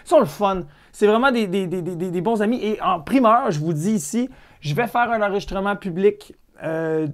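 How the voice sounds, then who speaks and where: A man with a Quebec French accent hosting a comedic podcast, chatty and irreverent, swearing casually with lots of fillers and restarts. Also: sits high. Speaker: podcast host.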